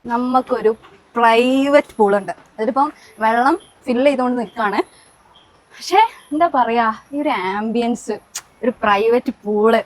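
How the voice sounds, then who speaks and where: A woman casually vlogging, exclamatory and mixing English words into her Malayalam. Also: a little slow. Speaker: travel vlogger. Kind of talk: casual spoken vlog commentary. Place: mostly outdoors on a trek. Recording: noisy outdoor recording with vehicle-like rumble.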